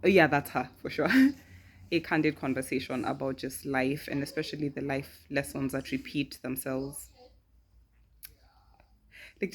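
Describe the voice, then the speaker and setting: A woman's voice: low voice, slightly rough. A young woman chatting casually to camera in a vlog, talkative and laughing often. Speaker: vlogger. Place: friend's room indoors.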